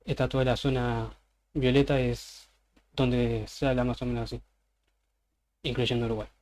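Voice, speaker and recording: On a voice chat server, an Argentine-accented man gives a relaxed, informal talk breaking down slang terms one at a time with examples. He speaks at a normal speed in a level, medium-pitched voice with a darkish tone.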